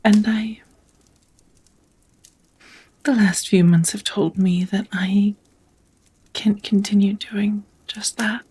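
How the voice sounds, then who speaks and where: In an intimate ASMR roleplay, a woman plays a devoted, nervous vampire roommate, whispering softly in a halting, earnest, tender manner. Her voice is mid-range and flat in delivery, with a soft, breathy whisper quality.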